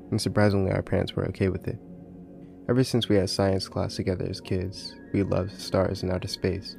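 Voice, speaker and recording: This man hosts and narrates scripted horror stories in a low, darkish voice with vocal fry. He recorded in a closet, so the home sound is slightly muffled.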